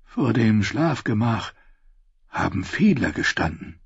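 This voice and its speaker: A beaten young lord from an audiobook, speaking softly and haltingly with a husky tone, as a male reader puts him on. The recording is dry and slightly muffled. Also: lowish voice, big pitch swings, no room sound, exaggerated voice. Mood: hesitant. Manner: hesitant, subdued. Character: frightened, hesitant captured young lord.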